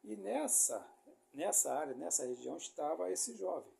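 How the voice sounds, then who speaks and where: Male preacher, Rio accent, gravelly and mellow, conversational rambling teaching style. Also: a little high, very animated, normal speed. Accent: Brazilian Portuguese, Rio de Janeiro. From Rio de Janeiro, Brazil. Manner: explanatory, rambling, many fillers and tag questions. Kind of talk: informal sermon teaching.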